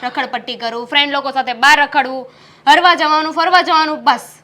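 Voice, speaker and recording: A woman's voice: high voice, fairly even intonation, a little fast, sharp tone. A young woman playing a frustrated pregnant wife who scolds her husband in a family drama. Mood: scolding. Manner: scolding, reproachful.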